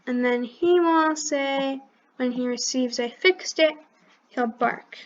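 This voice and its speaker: A woman's voice: high-pitched, slow, lo-fi sound, noisy background. A woman hosting a coding tutorial who thinks aloud step by step and corrects herself as she clicks through the program. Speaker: channel host teaching coding. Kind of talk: screen-recorded coding tutorial.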